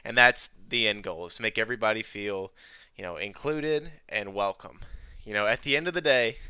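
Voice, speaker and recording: Presenting a casual tutorial on teaching ESL over a screen demonstration, a man speaks at normal speed in a fairly low, sharp, clear and resonant voice with no echo. His style is informal and conversational, often sprinkled with "you know."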